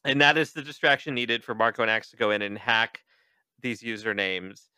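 A man hosting a podcast, casually recapping a book in an animated, joking way, cursing freely and acting out quoted lines. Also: medium pitch, normal speed, smooth, dry recording, studio quality. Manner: animated, profane, joking, with exaggerated quoted voices. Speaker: podcast host.

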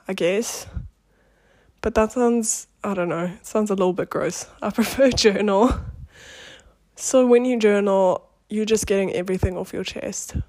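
A young woman hosting her own podcast, rambling through casual advice in a chatty, self-deprecating way. Her voice sits at an ordinary middle pitch and is recorded dry and close, with no room sound around it. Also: darkish tone, no room sound. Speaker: podcast host. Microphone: close personal mic, one take.

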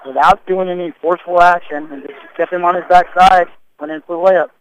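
Fast-talking male color commentator. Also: sits high, steady tone, slight background noise. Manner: chatty, folksy, analytical. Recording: dull lo-fi radio broadcast.

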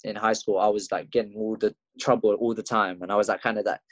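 Speaking fast in a lowish, steady voice, a young MMA fighter from Russia with an English accent recounts his story as an interview guest. His manner is laid-back and rambling, full of fillers and restarts, and the recording is dry.

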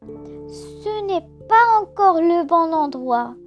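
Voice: very high voice, very slow, dull audio, voice pushed up, exaggerated voice. Cricri, a storyteller doing an eager young lamb. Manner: excited, exclaiming. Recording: music bed behind voice.

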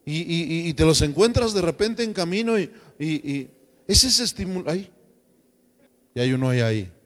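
A man preaching a sermon as pastor, lively and joking, slipping into slang voices. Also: a little high, normal speed, big-room sound. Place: church.

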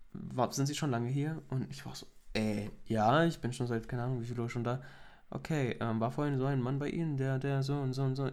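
A young man in casual chat, telling anecdotes in slangy speech full of swearing. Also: medium pitch. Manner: slangy, storytelling, swears with "Alter".

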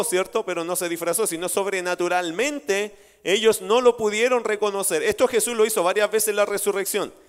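A man's voice: high-pitched, clean tone. A male pastor preaching a sermon in a church, asking his congregation rhetorical questions and calling them brothers. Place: church sanctuary. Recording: reverberant church hall.

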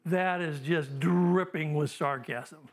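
A middle-aged man teaching a Bible class in a relaxed lecture, full of uh and um, with dry humor. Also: a little high, slow. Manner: conversational with dry humor and frequent fillers.

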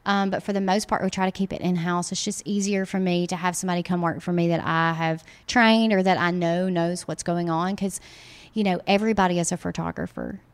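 Woman, about forty, Southern American accent, smooth clear voice, casual interview chat, lots of fillers. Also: lowish voice, fairly even intonation, fairly quick, hardly any pauses. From Mississippi. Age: late 30s. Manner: chatty, many fillers and "you know". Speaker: wedding photographer, interview guest.

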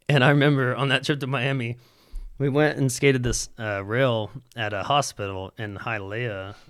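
Profane, animated man telling stories. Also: mid-range voice, a little slow, clear, resonant tone. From Alabama, USA. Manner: profane, animated, acts out quotes of friends. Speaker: podcast guest, skateboarder. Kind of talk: casual storytelling chat.

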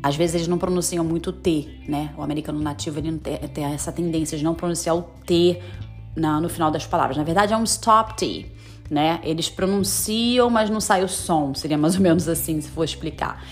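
A woman hosts a casual podcast lesson, chatting along and tossing in tag questions and English examples. Her voice sits somewhat low for a woman. Faint music plays behind her. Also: a little fast. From Brazil. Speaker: podcast host teaching English slang. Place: lives in the United States.

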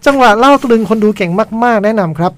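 A man hosting a casual radio show, chatting and teasing his co-host in a relaxed way. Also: sits high, quick pace, a little hiss or hum. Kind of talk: casual chat.

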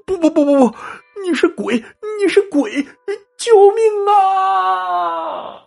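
A man's voice: very high voice, expressive, slow, gravelly, soft background music, pitched above the performer's own voice, heavily acted. A man voicing a panicked young man haunted by a ghost, stammering, crying and pleading. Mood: terrified.

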